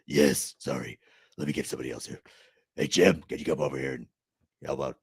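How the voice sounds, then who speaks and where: A man's voice: a bass voice, fairly even intonation, a little fast, darkish tone, slightly rough, no room sound, pitched below the performer's own voice, exaggerated voice. A man voicing a friendly male alien leader in a comedic podcast skit, breezy and casual.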